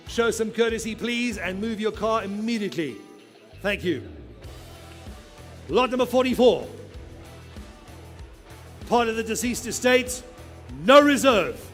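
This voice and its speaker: A man's voice: high-pitched, a bit bright. A man working as an auctioneer at a live sale, insistently urging bidders with repeated chanted bid calls.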